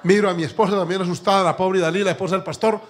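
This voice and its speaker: A middle-aged man with a Colombian accent preaching a sermon, telling stories with emphatic, animated outbursts. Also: high voice, racing, some chatter behind. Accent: Colombian Spanish. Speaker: pastor. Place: church.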